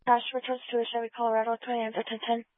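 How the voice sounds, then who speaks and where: A woman's voice: on the high side, monotone, dry recording. Female dispatcher on a tinny police radio. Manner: brisk, businesslike radio replies. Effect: police radio transmission. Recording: tinny narrow-band radio.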